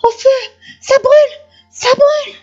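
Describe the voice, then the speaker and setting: A woman's voice: extremely high pitch, steady tone, unhurried, pitched above the performer's own voice. A woman voicing a frightened, unlucky big grey wolf who cries out in panic, in a storybook reading. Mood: yelping. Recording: dull lo-fi recording, faint music.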